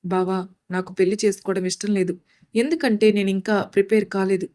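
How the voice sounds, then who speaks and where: A woman's voice: mid-range voice, steady tone, mellow, close to an everyday voice. A woman voicing a cheeky young woman. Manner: cheeky, quick retorts.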